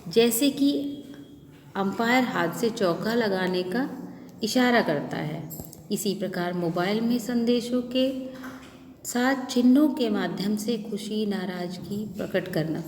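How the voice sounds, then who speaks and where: A woman's voice: medium pitch, darkish tone. A woman teacher with a Lucknow Hindi accent explaining a lesson, asking questions and answering them herself. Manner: explains slowly, asks and answers her own questions. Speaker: schoolteacher. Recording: echoey room with faint ambient noise.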